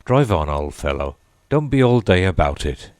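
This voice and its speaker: A man voicing a gruff, impatient male Gryphon who scolds in a rough dialect. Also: sits low, sing-song, normal speed, a little mellow, no room sound, clean studio sound. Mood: scolding. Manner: brusque, scolding.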